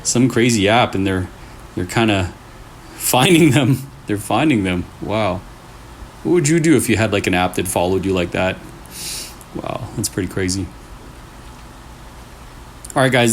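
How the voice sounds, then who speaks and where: With a fairly low pitch, this man hosts a reading of scary stories, delivering them in clipped, suspenseful lines. Casual asides fill the gaps between stories, over slight background noise.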